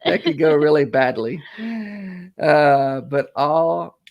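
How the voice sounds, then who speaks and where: A man's voice: fairly high pitch, takes it slowly, creaky, lo-fi sound. Chatty male talk show host. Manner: animated, chatty, laughs often. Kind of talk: casual chat.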